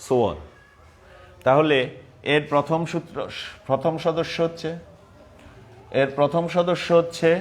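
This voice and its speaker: Male chemistry teacher, higher voice. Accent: Bangladeshi Bengali. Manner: repeats terms slowly, spells out formulas step by step. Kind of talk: classroom lecture.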